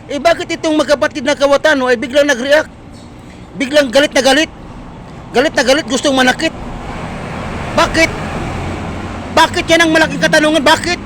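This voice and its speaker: Filipino guy ranting about politics, really high voice, keeps asking the same accusing question, faint street noise behind. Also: steady tone, a little fast, long pauses, fairly bright tone. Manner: repetitive, accusing rhetorical questions. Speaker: political commentary vlogger.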